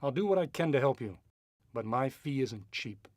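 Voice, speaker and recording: A man with an expressive, natural mid-range voice at moderate pace plays a shrewd, hard-boiled male private investigator in a radio drama. Cynical and probing, he narrates and questions in noir style with a cool mood, recorded at studio quality with no room sound.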